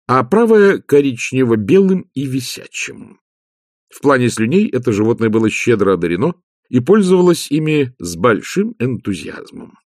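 Male storyteller, husky voice, lively melodic reading, dry close recording. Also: medium pitch, no echo. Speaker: audiobook narrator. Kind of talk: scripted narration.

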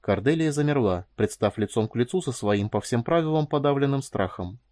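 A man with a mid-range voice reads scripted narration for an audiobook, calm and measured. The recording is dry and studio-quality.

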